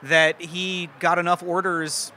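Bright-voiced curious interviewer. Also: male voice, high voice, little pitch movement, takes it slowly. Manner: curious, chatty, asks follow-ups. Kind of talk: casual interview. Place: busy food festival, indoors.

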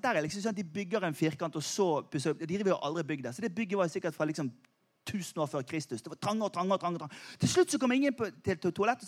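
A middle-aged man preaching a sermon, telling a family story with humor and surging intensity before turning to earnest appeals. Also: high-pitched. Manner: animated storytelling with humor, voice surging when excited. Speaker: pastor.

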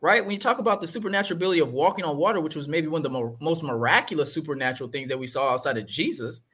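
Husky guy talking church stuff, earnest and punchy, voice sits kinda high. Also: racing, fairly bright tone. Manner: earnest, emphatic, preacherly. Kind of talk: casual faith discussion.

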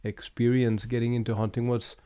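A man from Colombia hosting a relaxed conversation, speaking reflectively with frequent pauses and restarts. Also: mid-range voice, clear, resonant tone, no room sound, studio quality. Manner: reflective, unhurried, with fillers and restarts. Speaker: podcast host. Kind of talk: casual conversation.

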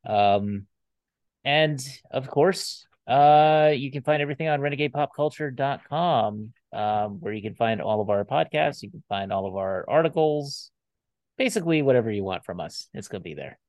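A man's voice: mid-range voice, expressive, normal speed, darkish tone, no room sound, muffled recording. A man co-hosting a casual podcast chat, laid-back and given to jokey asides. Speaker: podcast co-host.

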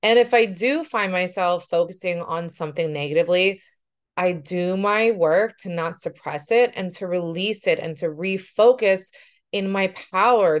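A woman life coach talking through a casual podcast monologue in an earnest way, often checking in with "right?". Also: mid-range voice.

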